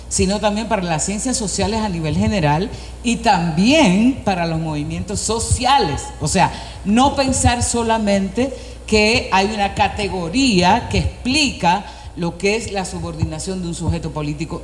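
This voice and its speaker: A woman from the Republic, speaking on an academic panel in a measured, explanatory way and posing questions she then answers herself. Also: medium pitch, expressive. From Dominican Republic. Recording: echoey hall with faint background noise.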